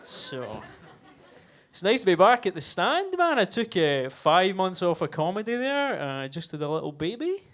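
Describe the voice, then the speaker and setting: A man in his thirties works a basement comedy club crowd with a fairly high, easy voice. He talks in a loose, chatty way, swears freely and mocks himself as he goes. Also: big pitch swings, moderate pace. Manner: chatty, swearing, self-mocking asides. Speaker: stand-up comedian. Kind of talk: live stand-up set.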